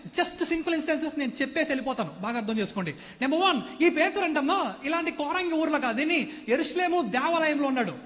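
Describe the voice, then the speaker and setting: High bright-voiced male preacher, reverberant hall. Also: lively intonation, fast. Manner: dramatic, acts out dialogue, swings loud and soft. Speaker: pastor. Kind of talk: sermon. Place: church hall with seated congregation.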